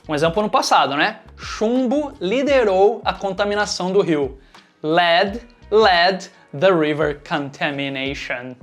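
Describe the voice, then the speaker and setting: A woman teaching English online. She patiently repeats words slowly to model pronunciation and talks straight to her viewers. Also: medium pitch. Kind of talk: online language lesson.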